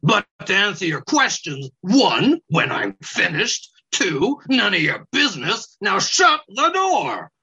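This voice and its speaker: A man's voice: high-pitched, big pitch swings, takes it slowly, vocal fry, hardly any pauses, husky, dull audio, pitched above the performer's own voice, exaggerated voice. A man voicing a small, rude, snide male weasel who snaps and sneers with contempt. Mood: snappish. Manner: snappy, contemptuous, shouts.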